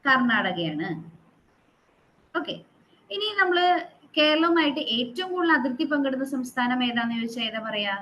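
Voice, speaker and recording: Higher-voiced woman teaching a class. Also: lively intonation, moderate pace, long pauses, pushed and bright, low-quality recording. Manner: quizzes the class and repeats figures to drill them; mixes English terms into her teaching. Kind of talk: classroom geography lesson.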